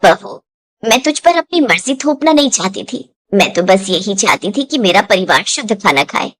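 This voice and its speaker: A woman's voice: medium pitch, moderate pace, pitched below the performer's own voice, close to an everyday voice. A woman voicing a stern older mother-in-law in a storybook drama. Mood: gentle. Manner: scolding, later gentle.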